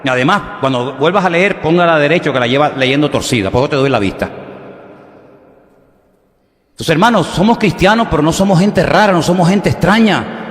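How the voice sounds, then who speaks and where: A male pastor preaches with a fairly high voice, telling jokey little dialogues to his congregation. His voice rings with a long echo, as it would in a big church hall. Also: fairly bright tone. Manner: humorous, conversational preaching with acted-out dialogues. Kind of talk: sermon. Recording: echoey hall.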